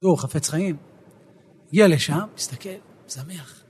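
Husky high-voiced rabbi telling stories. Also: male voice. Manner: animated storyteller, rising to emphatic outbursts. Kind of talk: Torah lesson with stories.

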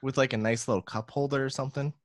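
A man in his late twenties co-hosting a podcast, relaxed and agreeable, laughing along. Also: medium pitch, fast, no echo, studio quality. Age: late 20s. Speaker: podcast co-host. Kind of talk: casual chat.

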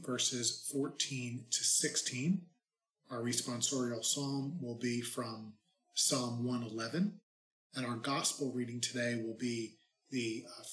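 Priest reading and preaching in a big church with a cathedral echo. Average male pitch, unhurried delivery with dry humor. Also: fairly bright tone. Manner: plain, unhurried reading that turns to light, self-mocking storytelling. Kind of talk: scripture reading and homily. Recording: echoey church reverb.

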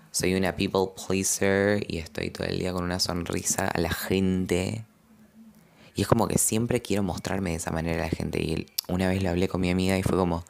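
Deep gravelly young Argentine man. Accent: Rioplatense Spanish. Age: young adult. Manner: rambling, reflective, uses slang and filler; gestures and moves while talking. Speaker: podcast host. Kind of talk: casual confessional monologue.

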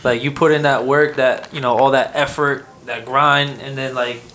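A man's voice: mid-range voice, little pitch movement, moderate pace, background noise. A young man co-hosting a podcast, speaking casually and earnestly about sports. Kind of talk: casual chat.

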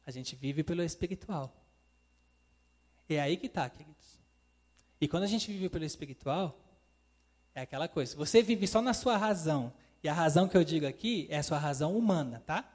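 An evangelist preacher with a slightly high, dark-toned, expressive voice moves a little quickly but leaves long pauses. He calls his listeners "queridos," or dear ones, and acts out God's words in quotes, all under long hall reverb.

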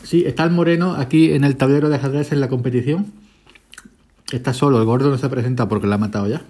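Chatty farmhand podcaster. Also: male voice, medium pitch, fast, dark tone. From Spain. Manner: chatty, eats while talking. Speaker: podcast host, farm day laborer. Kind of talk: casual rambling podcast monologue.

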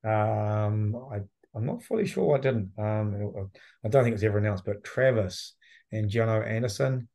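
Mellow, lowish Kiwi man. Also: normal speed. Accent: New Zealand. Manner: slangy, blokey. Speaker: podcast co-host. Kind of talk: casual chat about combat sports.

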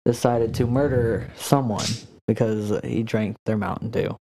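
A young man runs a tabletop game in a loose, joking way, with plenty of fillers as he narrates. His voice is mellow and relaxed. A faint hiss sits under the recording. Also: lowish voice, unhurried, low-quality recording. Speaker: game master.

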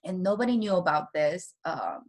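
Woman from Taiwan, interview guest, soft-spoken, slightly low voice, nervous laughter. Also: sing-song, moderate pace. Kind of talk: personal storytelling in an interview.

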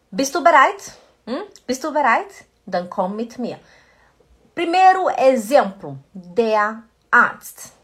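A woman teaching a live-streamed German lesson from home, chatty, greeting viewers by name and slowly repeating words. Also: fairly high pitch. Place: at home in front of a computer. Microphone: computer camera mic.

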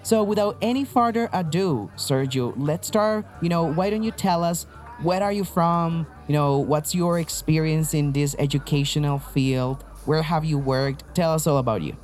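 Upbeat higher-voiced male podcast host. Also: moderate pace, a little mellow, soft background music. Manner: upbeat, encouraging, with frequent "you know". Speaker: podcast host, faculty manager. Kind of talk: interview hosting.

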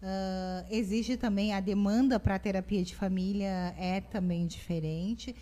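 A woman's voice: medium pitch, fairly even intonation, a little slow. A woman family therapist, explaining parenting advice in casual talk and acting out what parents and children say. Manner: warm explanatory, acts out parent and child quotes.

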